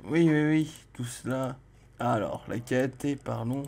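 Slow-talking man doing game commentary. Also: medium pitch, gravelly, husky. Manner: chatty, jokey, exclaims loudly in surprise. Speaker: let's play host. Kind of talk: let's play commentary, reading game dialogue aloud.

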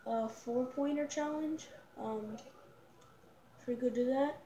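A woman talks through a video game in casual let's-play style, rambling and filling pauses in an easygoing way. Her voice sits a little high, but it sounds warm and mellow, and she speaks slowly. There is faint ambient noise behind her. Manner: rambling, many fillers, soft and easygoing. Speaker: gamer.

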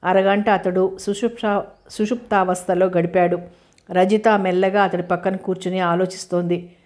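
A woman reading a novel aloud as an audiobook narrator, in a steady, even storytelling voice. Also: mid-range voice, moderate pace. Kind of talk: scripted narration.

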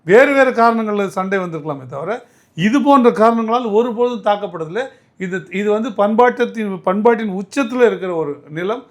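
A man's voice: high-pitched, fairly quick. A man answering as a political commentator in an interview, arguing emphatically and often restarting his words.

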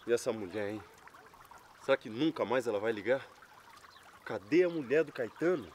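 A man's voice: mid-range voice, normal speed, a little hiss or hum, close to an everyday voice. An actor with a Brazilian accent playing a lovesick, despondent young man in a telenovela, pleading with his friend. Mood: anxious. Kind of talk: telenovela acting. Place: outdoors beside a fountain. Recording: splashing fountain water behind voice.

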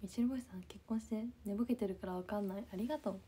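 Young woman, idol streamer reading comments, husky, mellow, sleepy half-whispered chat. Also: rapid-fire. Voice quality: husky, a bit low. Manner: just-woken, soft and drowsy, often near-whispered. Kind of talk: casual livestream chat.

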